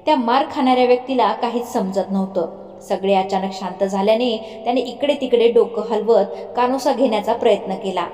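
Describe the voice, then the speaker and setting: A woman narrating a romance audiobook in a steady, expressive reading voice. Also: a little high, normal speed. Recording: roomy reverb, faint music.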